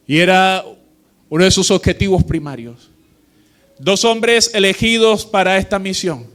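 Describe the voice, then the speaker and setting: A male pastor with a high, smooth and resonant voice preaches at an unhurried pace. He reads scripture slowly and emphatically and keeps asking the congregation questions. Faint music plays behind him. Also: fairly bright tone. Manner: quizzes the congregation with call-and-response questions; slow, emphatic reading with drawn-out phrases. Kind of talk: sermon with scripture reading.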